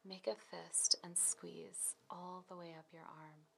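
A woman leads a scripted guided relaxation in a soft, breathy, near-whispered voice, giving slow, calm, soothing instructions. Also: lowish voice.

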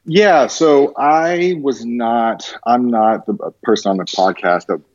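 The voice is medium-pitched and slow, captured on a muffled recording with no room sound. It belongs to a podcast guest in his thirties, a branding designer who grew up mainly overseas in Japan, chatting informally with slang, self-deprecation and personal anecdotes.

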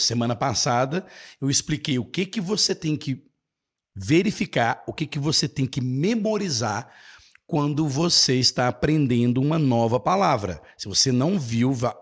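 A man's voice: mid-range voice, breathy edge. A man teaching a language lesson, emphatic and checking in with rhetorical questions. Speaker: English teacher.

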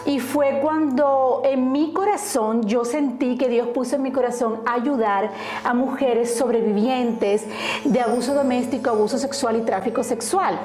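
A woman's voice: a little high, unhurried, a little mellow. A woman from Colombia with a Colombian accent, a guest author telling her story in an earnest, reflective way. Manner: earnest, reflective, with fillers and restarts. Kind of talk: personal storytelling in interview. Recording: roomy echo.

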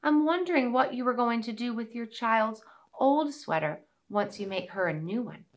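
A woman voicing a tiny, polite, curious female mouse in a storybook tale, with a high, eager voice. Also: expressive, moderate pace, close to an everyday voice.

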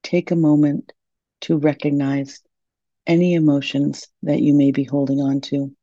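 A woman leading a guided meditation in a soft, soothing, gentle manner, on a dull lo-fi recording. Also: deep voice, little pitch movement, a little slow, dry recording.

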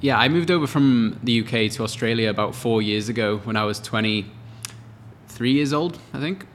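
A man's voice: medium pitch, moderate pace, slight background noise. A man in his late twenties, co-hosting a podcast and telling a story in casual chat. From Wales. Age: late 20s. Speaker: podcast co-host.

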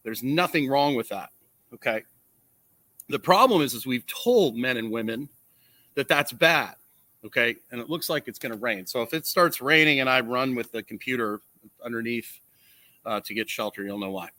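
A man wearing a nasal strip hosts a casual livestream, talking earnestly and explaining his views, often checking in with a quick "right?" or "okay?". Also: mid-range voice, lively intonation, pushed and bright, no echo. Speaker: livestream host, coach. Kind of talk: casual livestream monologue, opinion talk. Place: outdoors.

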